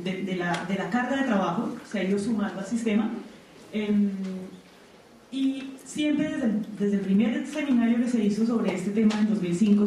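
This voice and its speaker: A woman giving a seminar presentation, explaining in a conversational way with frequent pauses and "eh" fillers. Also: mid-range voice, dark tone, far from the mic. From Colombia. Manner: explanatory, conversational, often pausing with "eh". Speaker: panel presenter. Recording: echoey hall recording from afar, faint noise.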